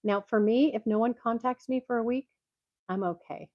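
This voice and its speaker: A woman's voice: on the high side, normal speed, no echo. An older woman chatting at home through a microphone on her glasses, congested and sounding tinny like a tin can, rambling and laughing often. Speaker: vlogger reading jokes. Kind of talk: casual chat. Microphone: microphone clipped to her glasses. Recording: dull lo-fi tinny recording, dry.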